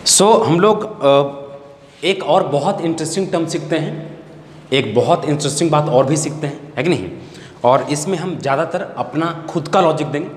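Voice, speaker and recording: A man's voice: on the high side, normal speed. A man with a Bihari Hindi accent teaching math in a classroom lecture, repeating his points and asking the class questions he then answers himself. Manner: repetitive, asks the class questions and answers them. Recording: echoey hall, faint background hiss.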